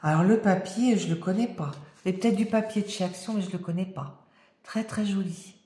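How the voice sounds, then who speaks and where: A woman chatting casually as she unboxes craft mail, her voice slightly hoarse and often dropping to a murmur. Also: medium pitch, a little fast. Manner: soft-spoken, often murmuring to herself. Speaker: crafting vlogger. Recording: echoey room, faint noise.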